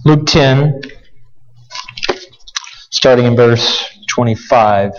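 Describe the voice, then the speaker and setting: A guest preacher stands in a church sanctuary, talking casually and humbly through a sermon and restarting often. He draws out his words at a medium pitch, his voice scratchy with a cough, in a muffled recording.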